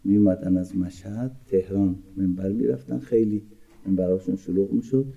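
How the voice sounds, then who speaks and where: An older man preaching a sermon, moving from quiet explanation to loud, drawn-out chanted Arabic quotes. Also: low voice, steady tone, gravelly, husky, highs cut off. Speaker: cleric preacher. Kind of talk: religious sermon with Arabic recitation.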